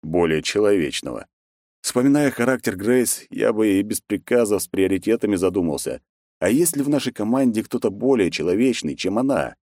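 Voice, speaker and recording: A man narrating a first-person audiobook in an expressive storytelling manner. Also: on the low side, fairly quick, no room sound, studio quality. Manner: expressive storytelling, does character voices.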